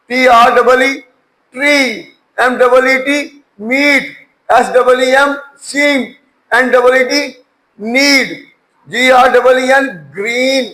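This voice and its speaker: A man's voice: very high-pitched, a bit bright, low-quality recording. A male English teacher giving a lecture, patiently spelling each word letter by letter before saying it.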